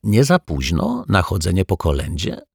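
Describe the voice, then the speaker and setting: A man playing a cranky storybook detective who bickers with himself, his low husky voice swinging up in puzzled questions. Close and dry, with lively rises and falls. Good-natured grumbling throughout. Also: normal speed, no echo, heavily acted. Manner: argues with himself, puzzled, wry. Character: quarrelsome bumbling male detective, grown man. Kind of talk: audiobook character voice.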